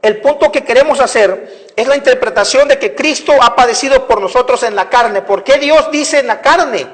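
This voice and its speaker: A man's voice: very high voice, normal speed, a bit bright. A man preaching a sermon, emphatic, repeating his phrases and speaking directly to the congregation. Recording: echoey hall.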